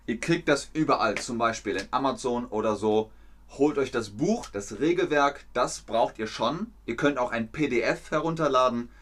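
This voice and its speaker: A man teaching German to learners, speaking slowly and clearly and repeating words. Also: medium pitch, a bit bright. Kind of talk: teaching German to learners via a live stream.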